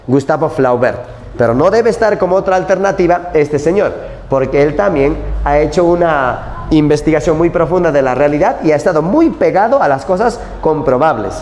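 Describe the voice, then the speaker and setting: A man's voice: fairly high pitch, expressive, moderate pace, darkish tone, slight background noise. A man teaching a literature class, talking animatedly and constantly checking in with his students. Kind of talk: prep-school lecture. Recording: long hall reverb.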